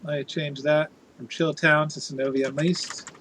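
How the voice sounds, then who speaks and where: Bright-voiced, playful male streamer. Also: on the high side, flat delivery, normal speed, a little hiss or hum. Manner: playful, jokey, theatrical. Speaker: game live streamer. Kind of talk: casual live stream chat, reading viewer comments.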